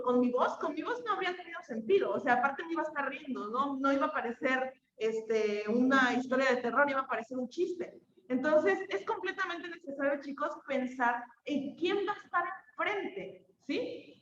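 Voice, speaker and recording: A woman's voice: high-pitched, a bit bright, echoey room, muffled recording, a little hiss or hum. A woman with a Mexican Spanish accent teaching an online class in a chatty way, often checking in with her students. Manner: chatty, checks in with frequent questions.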